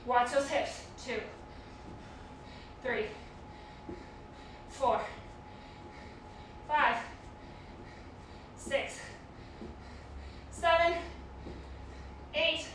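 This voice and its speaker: A female aerobics instructor with a high, slow voice counts reps and offers encouraging cues on form while coaching a group workout. The recording was made in a very echoey room with a distant mic and a lot of noise.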